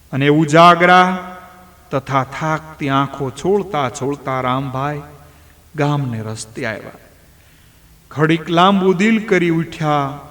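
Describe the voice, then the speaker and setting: A man telling a devotional folk story in a slow, measured storytelling manner. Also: a little high, a bit bright. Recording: long hall reverb.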